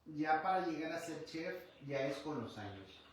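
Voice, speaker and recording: A man in his fifties, a guest in a livestream interview, speaking calmly and conversationally with pauses and fillers. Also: on the high side. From Honduras. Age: 50s. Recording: very echoey room, far from mic, some noise.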